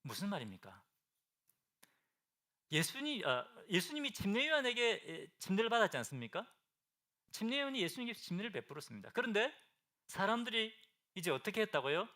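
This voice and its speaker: A pastor in the middle of a sermon preaches in a church sanctuary with a high, bright-toned voice and lively, rising and falling inflection. Speaking fairly quickly and pausing often, he repeatedly questions his congregation and alternates between loud bursts and soft, hushed lines.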